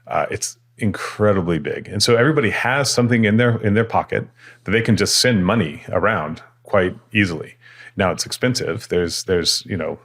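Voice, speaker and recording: This is a man with a very low, deep voice, speaking as a guest in a relaxed interview. He grew up in Sudan and Kenya. He explains things thoughtfully and in detail, and he often circles back and restarts his sentences as he talks. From East Africa, grew up in Sudan and Kenya. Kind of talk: casual conversational interview.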